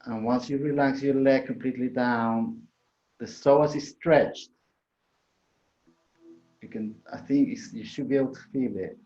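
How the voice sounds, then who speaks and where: A man's voice: mid-range voice, fairly even intonation, unhurried, pauses often, darkish tone. Echoey, muffled man leading a yoga class. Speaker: yoga instructor. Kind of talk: guided yoga class instruction. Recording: echoey room, dull muffled sound.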